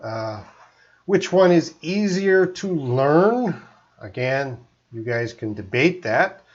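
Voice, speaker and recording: A man in his forties from Canada, with a mild Canadian accent, teaches English on a live stream and chats with viewers while reading out their comments. His mid-range voice swings widely in pitch, he takes it slowly, and the sound is lo-fi.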